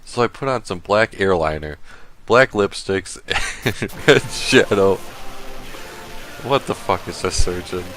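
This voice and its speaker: A man doing a comedic read-aloud of a badly written story, deadpan and halting as he stumbles over the text. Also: sits low, slight background noise. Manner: slow, halting, deadpan reading broken by laughter. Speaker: stream host reading a fan fiction aloud. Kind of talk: comedic dramatic reading.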